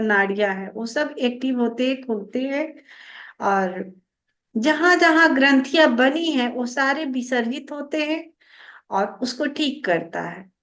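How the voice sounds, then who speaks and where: Woman meditation teacher, calm and explanatory, unhurried, high-pitched delivery. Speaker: spiritual teacher. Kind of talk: slow spiritual guidance talk.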